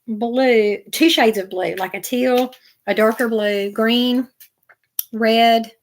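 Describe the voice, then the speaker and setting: A woman's voice: mid-range voice, noisy background. An older woman chatting casually and rambling to viewers as she unboxes craft supplies. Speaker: crafting vlogger.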